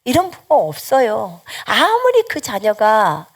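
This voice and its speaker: A middle-aged woman missionary preaches a sermon with a gravelly, slightly rough voice. She tells a personal testimony in a lively way, acting out the conversations and laughing now and then. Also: on the high side, slow. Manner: animated storytelling, acting out dialogue with laughter.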